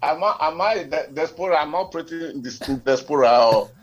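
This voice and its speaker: A man's voice: fairly high pitch, lively intonation, quick pace, breathy edge. Nigerian man talking over the phone. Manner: formal, wordy and digressive. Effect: heard over a telephone line. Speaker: radio talk show co-host. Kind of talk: radio current affairs commentary.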